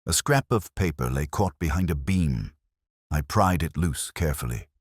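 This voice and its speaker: Man as very deep-voiced, brooding Inspector Morse. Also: lively intonation, breathy edge, dry recording, clean studio sound, exaggerated voice. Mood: brooding, reflective. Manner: measured, literary, reflective. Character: brooding, erudite, world-weary male police inspector. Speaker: narrator in character. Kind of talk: first-person detective story narration.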